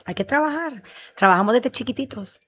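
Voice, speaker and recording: A Honduran woman in middle age, guest in an interview about the restaurant she founded, speaks briskly in a somewhat high voice. Her storytelling is animated and enthusiastic.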